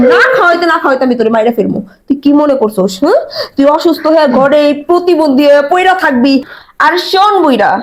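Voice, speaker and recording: A woman's voice: high-pitched, lightly acted. A woman playing a sneering scheming young wife. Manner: sneering, taunting. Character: scheming cruel young wife taunting an old man. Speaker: actor playing a cruel daughter-in-law. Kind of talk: melodramatic short-film acting.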